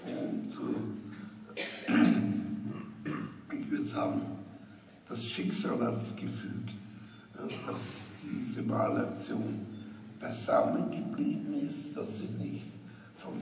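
Slow, gravelly old man. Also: medium pitch, big pitch swings, darkish tone, slight background noise. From Vienna, Austria. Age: older. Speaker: artist being interviewed. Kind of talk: slow, reflective conversation on stage. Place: large exhibition hall, indoors. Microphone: headset mic. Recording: roomy hall sound from a distant camera.

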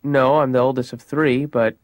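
A man's voice: mid-range voice, little pitch movement, moderate pace, dry recording. A male comedian rambles with eager energy, tripping over his words. His voice sits in a middle range, and it is recorded close and dry. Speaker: comedian as patient. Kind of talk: stand-up comedy bit.

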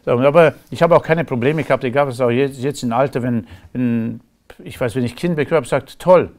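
Here the same kind of guest, a middle-aged man from Romania with a Romanian accent, sounds a little mellow at medium pitch and a moderate pace. In this casual interview he delivers long, emphatic stretches of talk, breaking into laughter between points.

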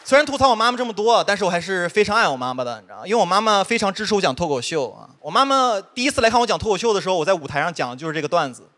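A young man performing a stand-up comedy set on stage, telling quick self-mocking stories with constant asides to the audience. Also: high-pitched, sing-song, bright, forceful tone. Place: studio stage before a live audience. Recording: live stage mic with audience laughter. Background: audience laughter.

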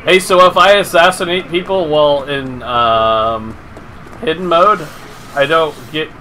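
A live game streamer in his thirties, with a high, bright, pushed voice and an unhurried pace, chats informally with his viewers from a home setup. He swears now and then while commenting, and the stream carries clear background noise.

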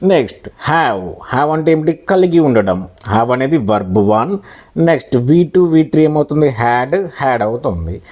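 A man with a Telugu accent teaching a spoken English lesson, explaining verb forms slowly and drilling words by repetition. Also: medium pitch, expressive, a little mellow. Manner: slow, deliberate, drills words by repeating them.

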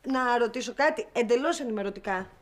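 A woman's voice: fairly high pitch, faint music behind, lightly acted. A woman playing a scatterbrained chatty nanny. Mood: lively. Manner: theatrical, rambling, mock-dramatic. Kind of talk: sitcom acting.

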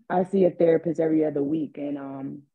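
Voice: medium pitch, steady tone, brisk, phone-quality sound, a crowd in the background. A participant in a church Bible study, speaking steadily and earnestly while sharing personal experience with the group.

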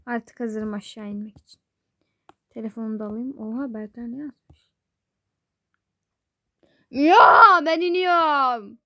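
A woman's voice: fairly high pitch, fairly even intonation, fairly quick, long pauses, warm tone, dry recording. A woman narrating a toy role-play vlog in a sulky, mock-dramatic way.

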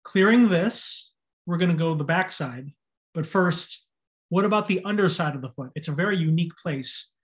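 A man's voice: on the high side, moderate pace. A man giving a recorded anatomy lecture over slides, spelling out and repeating terms and stressing how to pronounce them.

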